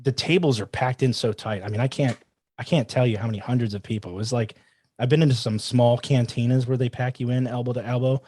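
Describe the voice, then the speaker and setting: A man who trains people in self-defense, telling a casual story in an animated way and quoting himself and others as he goes. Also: medium pitch, fast talker, breathy edge. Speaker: firearms trainer guest.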